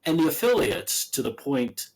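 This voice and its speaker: A man with a husky, slightly breathy voice, speaking as a guest author in a relaxed conversational interview. He is chatty, laughs easily, and often trails off and restarts his thoughts mid-sentence. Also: mid-range voice, moderate pace.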